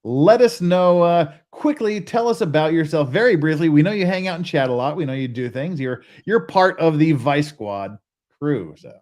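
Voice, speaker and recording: A man's voice: fairly high pitch, lively intonation, normal speed, darkish tone. An American man hosting a casual livestream, chatty and joking, often stopping himself mid-sentence. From United States. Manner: chatty, self-interrupting, joking. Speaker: livestream host.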